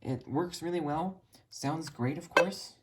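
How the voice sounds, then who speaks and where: The recording is very noisy as a hobbyist video maker shows off a radio collection. The speaker has a mid-range voice and an unhurried pace, rambling with earnest enthusiasm.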